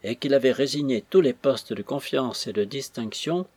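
A man reading a classic novel aloud in a steady, measured way, with a husky voice. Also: mid-range voice, no room sound. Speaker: audiobook reader. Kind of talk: scripted narration of a classic novel.

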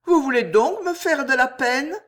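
A woman's voice: high-pitched, moderate pace, voice pushed up. Jeanne, a woman reading as a proud, teasing young noblewoman. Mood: gentle. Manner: clear, mocking and lively.

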